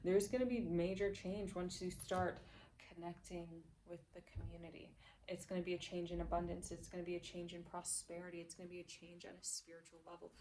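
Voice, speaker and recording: A woman giving an intuitive tarot reading to her viewers, gentle and encouraging, often checking in with "okay?" and "all right?". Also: lowish voice, level tone, brisk. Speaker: tarot reader. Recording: voice a bit far from mic, faint background noise.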